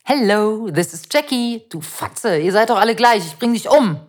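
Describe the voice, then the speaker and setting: A woman reading a memoir voices an aggressive male neighbor who yells threats and insults through the door. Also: medium pitch, animated, normal speed, voice pushed up, close to an everyday voice. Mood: furious. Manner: yelling threats, hateful.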